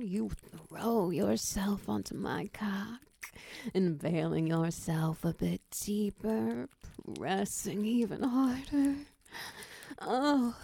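Teasing, dominant oni lover played by a woman: dark, breathy, unhurried whisper right on the mic. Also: heavily acted. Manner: slow, low, half-whispered, teasing with soft chuckles. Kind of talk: intimate ASMR roleplay.

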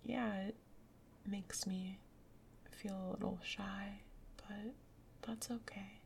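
A woman whispering softly in a gentle, soothing ASMR roleplay as a caring girlfriend. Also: medium pitch, steady tone, takes it slowly, gravelly, a little hiss or hum. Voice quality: soft whispery. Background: rain sounds.

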